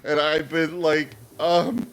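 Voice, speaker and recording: A man's voice: on the high side, flat delivery, takes it slowly. A man chatting casually and teasingly with friends while playing a video game. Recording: faint background noise.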